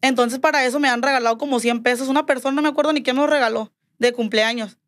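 A woman from Mexico, appearing as a podcast guest, tells a personal anecdote at a quick pace in a high voice, recorded dry. It's a casual storytelling chat. She's lively, voicing the quoted dialogue and frequently saying "me dijo."

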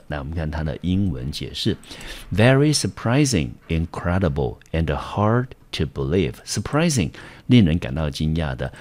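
A man's voice: very deep voice, darkish tone. A male English teacher who speaks Taiwanese Mandarin and explains a vocabulary lesson patiently, step by step.

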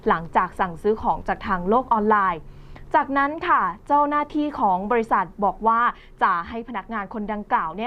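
A woman presenting the news in a conversational reading style, with frequent polite particles. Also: mid-range voice. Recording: slightly dull recording with faint music behind.

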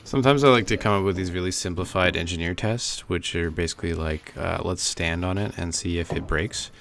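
Deep-voiced, easygoing woodworker narrating. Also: male voice, brisk, vocal fry, a bit bright, a little hiss or hum. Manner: easygoing, self-deprecating humor. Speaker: woodworker narrating his build. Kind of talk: casual voice-over narration.

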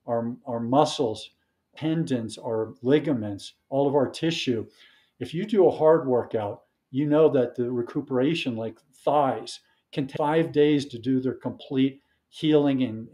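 Mellow-voiced male wellness coach. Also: mid-range voice. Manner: measured, lists points one by one. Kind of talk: podcast interview guest.

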